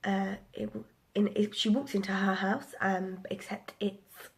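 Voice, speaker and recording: Her voice is husky and mid-range, with little pitch movement and an unhurried pace. She's a book vlogger in her twenties, slightly congested, chatting casually and rambling with many ums about the books she read.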